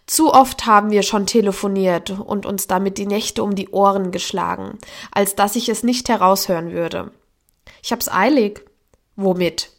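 A woman reading a first-person audiobook in a calm, even storytelling manner. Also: mid-range voice, moderate pace, gravelly. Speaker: audiobook narrator.

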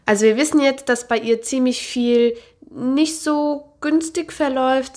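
A woman reading aloud from a novel and then chatting casually about the book, with many fillers and restarts. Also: on the high side. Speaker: book reviewer.

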